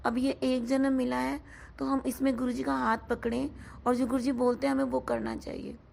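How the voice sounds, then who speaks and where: A hoarse woman giving an earnest devotional testimony, often addressing her listeners directly. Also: high voice, expressive, normal speed, a little mellow, slight background noise. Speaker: devotee sharing a satsang.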